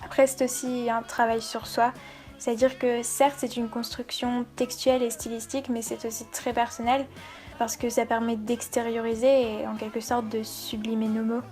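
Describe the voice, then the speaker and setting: Even, high-pitched articulate woman. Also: moderate pace, soft background music. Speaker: blog writer. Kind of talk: articulate reflective explanation.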